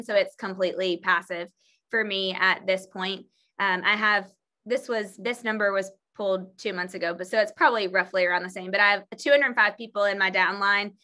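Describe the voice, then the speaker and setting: A woman's voice: medium pitch, bright, forceful tone. A middle-aged woman, a real estate team leader, sharing earnest stories with colleagues, full of fillers and restarts. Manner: earnest, storytelling with many fillers. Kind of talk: presentation to colleagues.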